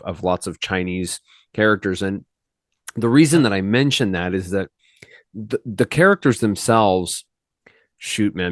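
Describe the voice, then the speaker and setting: Male podcast host, lower voice, casual rambling delivery, dry close sound. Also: dry recording. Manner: loose, rambling, slangy, with many restarts.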